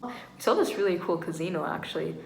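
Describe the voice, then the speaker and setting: Young woman, travel vlogger, rambling chatty delivery, lower-pitched, echoey room. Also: expressive, fast, creaky. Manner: rambling storytelling full of "like". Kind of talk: casual chat. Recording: echoey room with faint noise.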